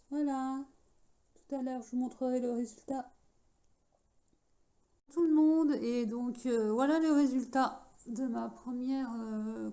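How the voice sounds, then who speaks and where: Brief: woman DIY host with a slight English accent, unhurried, very soft and warm tone, chatty with frequent pauses and fillers. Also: fairly high pitch, gravelly, rough recording. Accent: English-tinged French. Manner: chatty, hesitant with many fillers. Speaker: craft tutorial host. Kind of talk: casual DIY tutorial.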